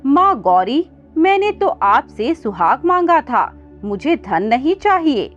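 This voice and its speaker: A woman's voice: high-pitched, big pitch swings, slow, pitched above the performer's own voice, heavily acted. A woman voicing a poor young wife who pleads tearfully for her lost husband, over faint music on a dull recording. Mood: pleading.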